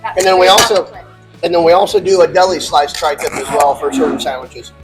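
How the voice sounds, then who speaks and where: A man's voice: a little high, steady tone, fairly quick, music in the background. A man who owns a barbecue restaurant, chatting casually and laughing often while eating. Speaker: restaurant owner.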